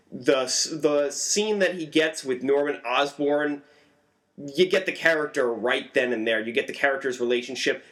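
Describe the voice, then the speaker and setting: A man giving a casual, animated movie review, swinging his voice up for emphasis. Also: fairly high pitch. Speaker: film reviewer.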